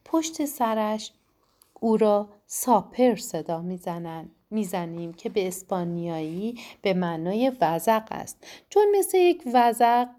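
A woman reading the lines of a teasing, mysterious woman mentor in an audiobook, a little higher than her narrating voice. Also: mellow, natural voice. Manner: teasing, half-whispering at times.

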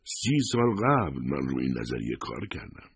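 A man voicing a stern, grave older police commissioner in an audiobook, speaking firmly and measured. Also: rumbling low, big pitch swings, gravelly, slightly rough, no echo, exaggerated voice. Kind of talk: audiobook character voice.

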